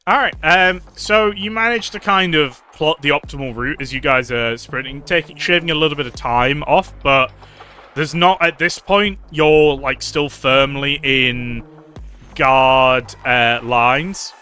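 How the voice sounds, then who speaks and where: Male game master, chatty, loose, very bright voice, faint music behind. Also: fairly high pitch, a little slow, clean tone. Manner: chatty and loose, with many fillers. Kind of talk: narrating a tabletop game.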